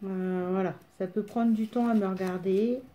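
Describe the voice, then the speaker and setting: A woman with a smoker's rasp chatting casually through a craft demonstration in a rambling, self-deprecating way. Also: medium pitch, steady tone, moderate pace, mellow. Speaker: craft tutorial presenter.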